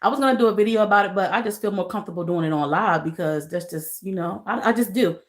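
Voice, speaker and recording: A woman's voice: mid-range voice, fast. Middle-aged woman on a live stream, greeting viewers by name and repeating herself, talking earnestly about grief. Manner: greets viewers by name, repeats phrases, warm Southern-style "y'all". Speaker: livestream host. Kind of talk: casual live-stream chat.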